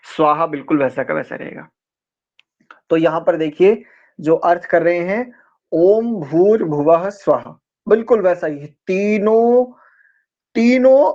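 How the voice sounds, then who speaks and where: A man teaching an online scripture class, explaining mantras and chanting them slowly, correcting pronunciation syllable by syllable. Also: a little high, darkish tone, highs cut off. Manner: slow, drawn-out chanting of mantras between explanations. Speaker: Vedic teacher.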